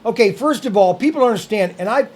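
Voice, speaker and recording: A man's voice: sits high, lively intonation, quick pace, breathy edge. A man hosting a casual podcast, rambling and heated, with many restarts and filler words. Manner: heated, raising his voice on his points. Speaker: podcast host. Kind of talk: casual talk-show rant.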